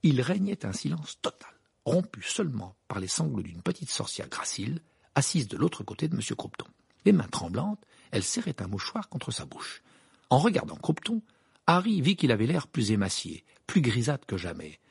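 A man narrating an audiobook in an expressive, dramatic reading style with a gravelly, husky voice. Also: mid-range voice, moderate pace, no echo, studio quality. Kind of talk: scripted narration.

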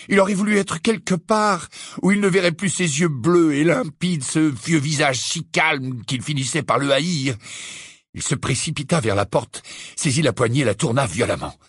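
An audiobook reader with a husky, mid-range male voice delivers scripted narration in an expressive, dramatic style. The recording is studio quality with no echo.

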